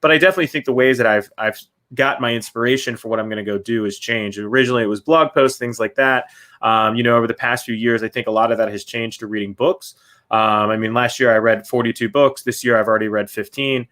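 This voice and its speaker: Interview guest: man, mid-range voice, relaxed and filler-heavy, conversational. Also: mid-range voice, fast. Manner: loose, many fillers like um and you know. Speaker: guest, company CEO. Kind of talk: casual interview answers.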